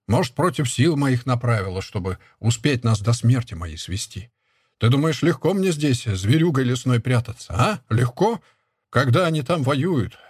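A man reading a bearded, bitter husband in hiding, speaking low, curt and brooding. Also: darkish tone, slightly rough, no room sound, studio quality. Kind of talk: audiobook character reading.

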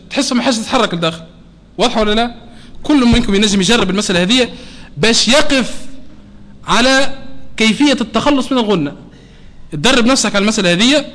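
High-voiced Tunisian man teaching recitation. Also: a bit bright. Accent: Tunisian Arabic. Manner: demonstrative, checks understanding often, slows to model sounds. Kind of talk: tajwid lesson to a class.

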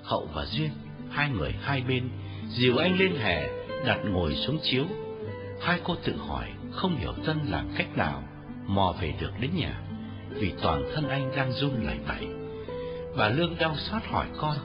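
Male audiobook narrator, wildly lively intonation, muffled lo-fi sound, faint music. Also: mid-range voice, normal speed. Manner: very expressive, varied intonation. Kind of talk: storytelling narration.

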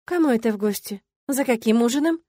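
A woman voicing a prim, curious young witch who speaks briskly and bristles easily, in an audiobook. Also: a little high, lively intonation, warm tone, dry recording, clean studio sound, pitched above the performer's own voice. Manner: indignant, brisk. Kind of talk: audiobook character reading.

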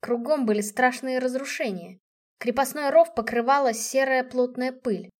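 Woman narrator, first-person audiobook, expressive, lively, fairly high voice. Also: normal speed. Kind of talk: first-person story reading.

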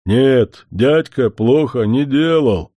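A man voicing a young male forest spirit who speaks slowly and solemnly, a little louder than his narration. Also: medium pitch, lively intonation, dry recording, clean studio sound, voice pushed up. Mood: earnest. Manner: slow, deliberate, solemn.

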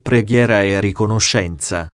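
A man voicing the calm ghost of a young woman in a read-aloud story, speaking slowly and solemnly. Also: fairly low pitch, clean tone, no room sound, clean studio sound, natural voice. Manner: slow, quiet and solemn.

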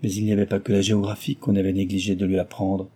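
A man's voice: sits low, slightly rough. A man steadily reading a classic novel aloud as narrator. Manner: steady and measured. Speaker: audiobook narrator.

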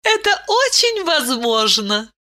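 A woman voicing an ancient princess who is stern yet tender and speaks in a high, commanding, sing-song way. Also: very animated, slow, pushed and bright, full character voice. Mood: regal, tender.

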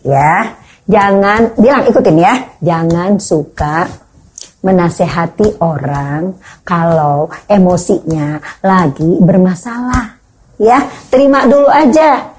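A woman's voice: medium pitch, a little mellow. An older woman giving a parenting seminar, questioning her audience and acting out scolding parents. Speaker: parenting speaker.

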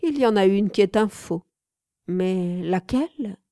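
A woman's voice: mid-range voice, lively intonation, measured pace, mellow, dry recording, studio quality. A woman voicing an aging, celebrated male sculptor who muses aloud with rhetorical questions, in an audiobook reading. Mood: musing.

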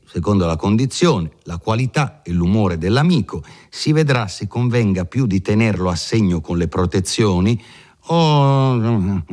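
A man's voice: lowish voice, darkish tone, lightly acted. A man voicing a pompous older country lawyer in an audiobook reading, patronizing at first, then blustering and dismissive.

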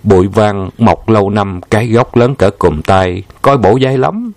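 A man calmly reading a memoir aloud in a descriptive storytelling manner. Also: lowish voice, measured pace, no echo. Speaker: narrator.

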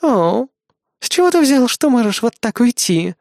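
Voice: mid-range voice, normal speed, darkish tone, no echo, pitched above the performer's own voice, natural voice. A reader voicing Vika, a predatory young woman who taunts and teases in a raised voice in a dry-sounding storybook reading. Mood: taunting.

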